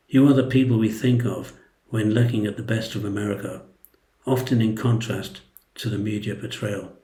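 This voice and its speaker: An older man with an English accent reads a tender eulogy. His voice is fairly low and mellow, with a soft, dark tone. The delivery is solemn and measured, and the room around him echoes. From England. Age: older, 60s or above. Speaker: brother giving a eulogy. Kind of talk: prepared eulogy, read aloud.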